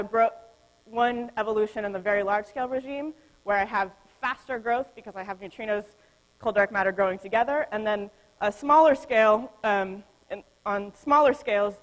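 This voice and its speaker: A woman's voice: mid-range voice, in a large hall, poor audio. A woman giving a physics conference lecture, explaining step by step with frequent ums and self-corrections. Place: lecture hall.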